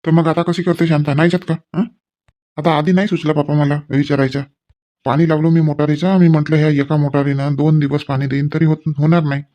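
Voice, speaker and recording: A man's voice: a little high, level tone, brisk, mellow. A man playing a village husband in a comic sketch, coaxing and placating his wife. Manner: coaxing, placating, rustic banter.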